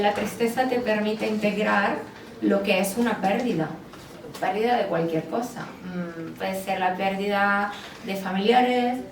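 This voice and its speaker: Her voice sits in the mid-range and is slightly mellow. She is a psychologist and author with an Italian accent, presenting her book at a bookstore event with frequent fillers and hesitations, picked up by a far-off mic in a roomy space with background noise.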